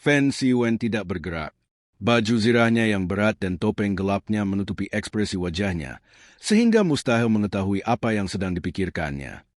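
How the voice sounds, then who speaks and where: A man narrating a comic story recap in a steady, even scripted reading. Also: on the low side, normal speed, no room sound, studio quality.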